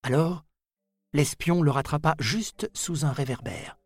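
A man narrating a novel in a measured, deliberate reading style. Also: on the high side, gravelly, breathy edge. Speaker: audiobook narrator.

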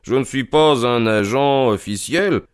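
A man voicing a calm, shrewd detective who speaks softly and gravely, in a slow, deliberate way. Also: mid-range voice, dry recording, studio quality, pitched above the performer's own voice, close to an everyday voice. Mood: grave, gentle. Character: calm shrewd male detective, middle-aged, gentle and grave.

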